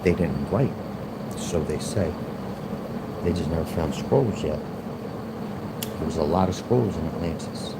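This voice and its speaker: A livestream host in his forties with a Philadelphia accent rambles through a monologue, repeating himself and arguing. His pitch is extremely low, his pace measured, with long pauses. Loud background noise and an air conditioner's hum fill the recording.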